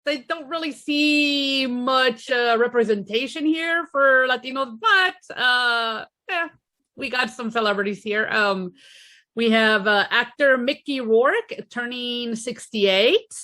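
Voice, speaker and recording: A woman hosting a podcast chats casually over a video call, laughing often and reading from a list. Her voice sits on the high side, with a slow pace and a sharp tone.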